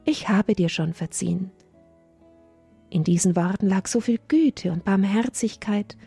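A woman narrating a children's story in an expressive, melodic way. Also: lowish voice, slightly rough.

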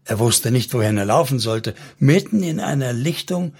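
A man narrating a historical novel as an audiobook in a measured, literary way. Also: mid-range voice, expressive, creaky, darkish tone, breathy edge.

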